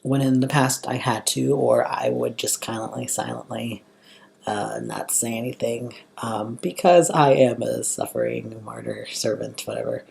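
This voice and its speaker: A young American man speaks in a casual, personal vlog style. His mid-pitched voice carries a little huskiness, and his drawn-out phrasing has a clear valley girl lilt. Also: steady tone, a little mellow. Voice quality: slightly husky. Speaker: vlogger.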